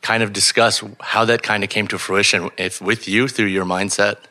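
Bright-voiced podcast host, earnest. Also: male voice, fairly low pitch, fairly even intonation, normal speed. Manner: earnest, admiring, hedging with "kind of". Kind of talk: podcast interview questions.

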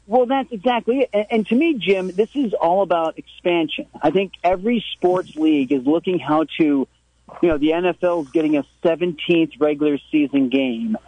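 A man's voice: sits high, lively intonation, no echo. A man arguing a sports point over the phone on a radio show, often stumbling and repeating words. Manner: halting, repeats words as he argues. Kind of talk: sports debate on call-in radio. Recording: muffled phone line.

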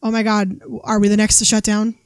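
A woman's voice: medium pitch, completely flat delivery, a little fast, smooth, no room sound. A woman in her late twenties, a podcast co-host in casual chat, talking in a dramatic, complaining way. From Ohio, US. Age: 20s.

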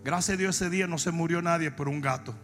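A Dominican man preaching, telling comic stories and breaking into long shouted cries. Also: on the high side, soft background music. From Dominican Republic. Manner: shifts from shouted, drawn-out preaching to fast, joking anecdotes. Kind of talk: comic sermon storytelling.

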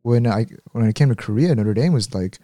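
Recorded with studio quality and no room sound, a man raised in the United States speaks as an interview guest in a brisk, warm, mid-range voice. He tells his story candidly and conversationally, frequently restarting his sentences.

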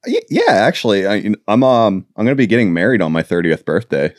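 A man in his late twenties, a guest musician, talking in a relaxed way and chuckling often. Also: lowish voice, brisk, no echo, clean studio sound. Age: 20s. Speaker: band member guest. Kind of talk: casual chat.

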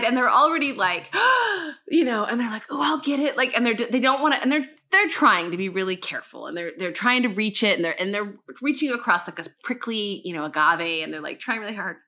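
A woman chatting casually, telling a story in an animated way, acting out quotes and laughing often. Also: mid-range voice.

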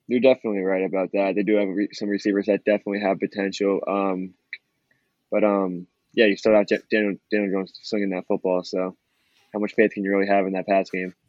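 A man co-hosting a casual sports betting talk show, speaking in halting bursts full of restarts. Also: low voice, level tone, a little mellow, no echo. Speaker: podcast co-host. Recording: dull lo-fi remote line.

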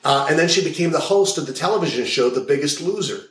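A man's voice: a little high, animated, fast talker, a bit bright, reverberant, rough recording. A man being interviewed as a values coach, explaining ideas through long stories and repeating key phrases. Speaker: guest, hypnotist and values coach. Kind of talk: casual interview talk with anecdotes.

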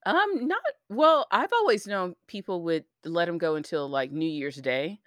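Woman, forties, American accent, slight slushy slurred lisp, clear smooth tone, dry sound, casual self-deprecating podcast chat. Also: fairly low pitch, animated, measured pace, fairly bright tone, no room sound. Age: 40s. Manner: chatty, self-deprecating, giggly. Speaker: podcast co-host.

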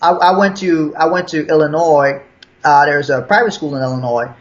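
A young man from Liberia who has an American accent tells his story casually as an interview guest, restarting sentences and chuckling. His voice sits on the high side at a moderate pace, and the recording has a dull lo-fi sound.

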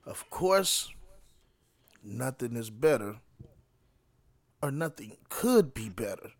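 A man's voice: medium pitch, big pitch swings, slow pace. A man hosting a casual late-night panel show, often repeating his phrases for emphasis. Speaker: podcast host.

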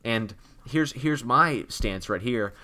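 A man's voice: mid-range voice, animated, slow, pushed and bright. A man co-hosting a podcast in casual comedic chat, joking and opinionated, with long rambling asides. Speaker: podcast co-host.

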